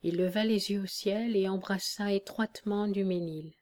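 A woman narrating a classic novel as an audiobook in a measured, even reading. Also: medium pitch.

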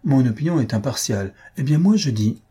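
A man's voice: mid-range voice, expressive, fairly quick, dark tone, breathy edge, voice pushed up. Man playing a self-important count. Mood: emphatic. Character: self-satisfied count, eager to pronounce.

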